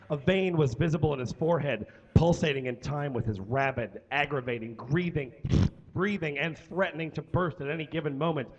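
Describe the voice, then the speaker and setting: A man doing a comedic live reading on stage into a microphone, theatrical with loud bursts of emphasis. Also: mid-range voice, highs cut off, slight background noise. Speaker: live show performer. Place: stage before a live audience.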